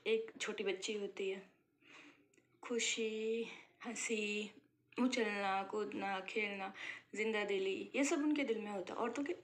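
A middle-aged woman talking to her viewers in a heartfelt, reflective way, repeating phrases for emphasis and dropping to soft near-whispers at times. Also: medium pitch, takes it slowly. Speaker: vlogger sharing life advice. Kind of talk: heartfelt personal talk to camera.

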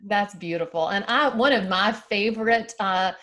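A woman's voice: mid-range voice, normal speed. A middle-aged woman hosting an interview about faith over a video call, asking questions and often chiming in with short agreements. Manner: warmly affirming, frequent short agreements. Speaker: host. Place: home room, video call.

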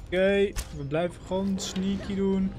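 Excitable man commenting on his game. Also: sits high, unhurried, music in the background. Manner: playful, excitable, talks to his in-game follower. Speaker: gaming channel host. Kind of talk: casual let's-play commentary.

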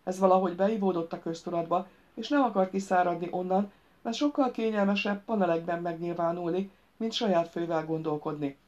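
A woman voicing a patient, wry woman of thirty in an audiobook, calm and explaining. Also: fairly low pitch, highs cut off, close to an everyday voice.

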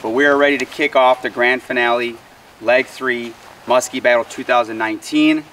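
A man's voice: medium pitch, steady tone, normal speed, fairly bright tone. A man hosting a fishing tournament, giving an upbeat introduction to camera outdoors on a lakeshore. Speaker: tournament host. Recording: distant outdoor voice, faint noise.

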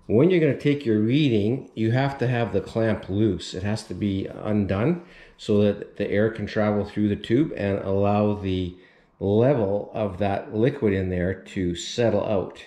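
A man in his fifties giving a relaxed, rambling how-to walkthrough, full of fillers, filmed on a handheld camera inside an empty mobile home. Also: lowish voice, unhurried. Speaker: renovation vlogger. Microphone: action camera held at arm's length. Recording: echoey bare room.

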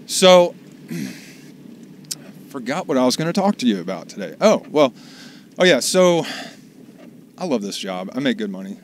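A delivery driver vlogger chats casually to the camera while driving for food deliveries, rambling and salty. His voice is a little high, recorded in a car with slight background noise.

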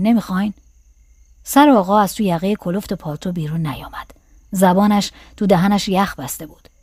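A woman reading a short story aloud in calm, measured audiobook narration. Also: mid-range voice, dry recording, studio quality.

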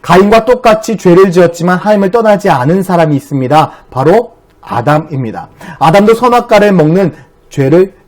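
A male pastor delivers a morning devotional sermon, earnest and addressing his listeners directly. His voice sits somewhat high for a man. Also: lively intonation, fairly quick, hardly any pauses, a little mellow.

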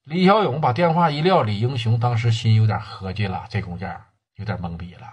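A man's voice: mid-range voice, brisk, breathy edge. A man telling a long gangland story for sleep, in colloquial and coarse speech with crude slang.

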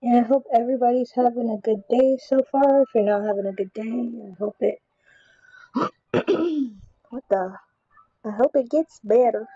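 Southern woman, art vlog host, soft husky voice, slow self-muttering commentary, dry dull home mic. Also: fairly high pitch, dry recording. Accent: Southern American. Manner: relaxed, talks to herself while painting, mutters and whispers. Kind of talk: casual painting vlog commentary.

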